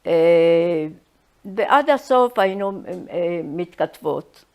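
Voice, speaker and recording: A woman in her eighties sharing personal memories in a reminiscing style, often halting to search for words. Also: lowish voice, expressive, clean tone. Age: 80s. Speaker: Holocaust survivor giving testimony.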